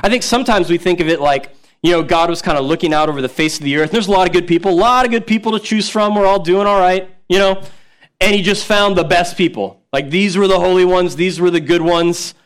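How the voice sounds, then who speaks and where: Pastor, male, 30s, higher-pitched, chatty sermon delivery with emphatic repeats. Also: fast, clean tone. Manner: casual and conversational, acts out quotes; repeats words when emphatic.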